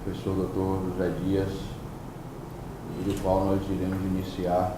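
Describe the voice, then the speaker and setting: A man's voice: deep voice, monotone, measured pace. A man leading a formal interview as a commission member, courteous and addressing the guest with titles. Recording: roomy, distant mic with noisy background.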